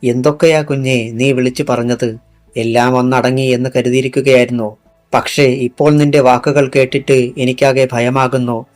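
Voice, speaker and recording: A man's voice: mid-range voice, little pitch movement, moderate pace, darkish tone, faint music behind, natural voice. A man voicing a frightened, grieving middle-aged mother who pleads with her daughter in an audiobook. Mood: fearful. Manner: pleading, fearful.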